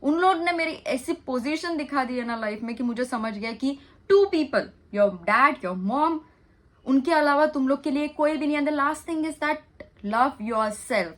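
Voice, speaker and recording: Earnest woman vlogger, slow, high voice. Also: low-quality recording. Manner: earnest and confiding, mixing Hindi and English; talks of speaking fast for storage, in quick bursts. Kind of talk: casual storytime vlog.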